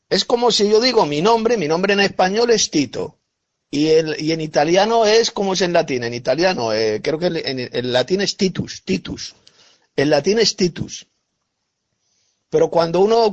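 A man's voice: sits high, lo-fi sound. A man arguing a religious point in an online debate, pressing the same question again and again. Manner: insistent, repeats his questions.

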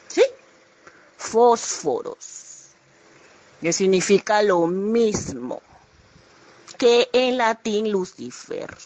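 A woman making her case in an online religious debate, speaking deliberately and with emphasis. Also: medium pitch, lively intonation, darkish tone.

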